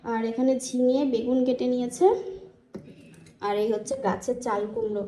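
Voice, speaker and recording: Hoarse woman vlogging in an echoey room. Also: a little high, steady tone, normal speed, dark tone. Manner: chatty, addresses viewers as friends. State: hoarse from a sore throat. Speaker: lifestyle vlogger. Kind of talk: casual vlog chat to viewers.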